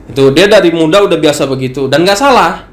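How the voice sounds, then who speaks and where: Relaxed, chatty ustaz in an echoey room. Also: male voice, fairly high pitch, fast. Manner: relaxed, conversational, acts out questions from worshippers. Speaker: ustaz teaching Islamic law. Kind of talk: religious study talk. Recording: echoey room with some noise.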